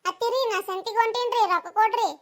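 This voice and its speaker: A woman's voice: very high-pitched, quick pace. A woman voicing a young village daughter-in-law asking for money, with a North Karnataka Kannada accent.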